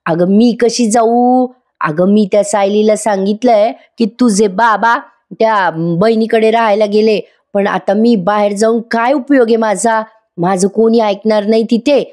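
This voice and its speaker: A woman's voice: medium pitch, darkish tone, natural voice. A woman voicing a rustic middle-aged mother who nags and pleads with her daughter over the phone. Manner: nagging, pleading, folksy.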